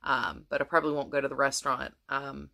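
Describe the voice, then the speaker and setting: A woman's voice: extremely low pitch, flat delivery, fast talker, gravelly, sharp tone. A woman chatting casually to her viewers about her crafts, rambling with many restarts, her voice starting to go. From United States. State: losing her voice. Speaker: crafting vlogger. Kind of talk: casual chat to camera.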